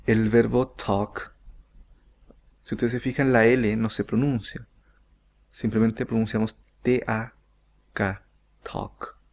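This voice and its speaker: A man teaching English grammar, explaining slowly and carefully and stretching out each English example sentence. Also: mid-range voice, darkish tone. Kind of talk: recorded grammar lesson.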